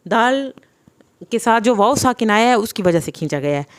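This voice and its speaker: A young woman teaching Quran reading, slowly sounding out each letter and vowel mark syllable by syllable and then explaining the rules. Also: a little high, animated, clean tone. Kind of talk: slow spelled-out recitation lesson.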